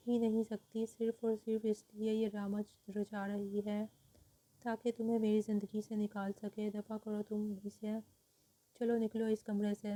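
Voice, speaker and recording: A woman's voice: medium pitch, dark tone, close to an everyday voice, rough recording. A woman voicing a cruel, domineering young man who threatens and scorns, in an audio novel. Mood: scornful. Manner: threatening, harsh.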